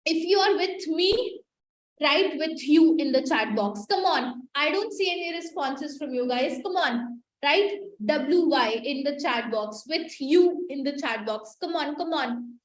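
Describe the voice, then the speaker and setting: A high-voiced young woman teaches communication skills to a live online class. She is emphatic and repetitive, urging her students again and again to type their answers in the chat. Her voice carries a roomy echo over faint background noise. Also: expressive, unhurried. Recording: echoey room with faint noise.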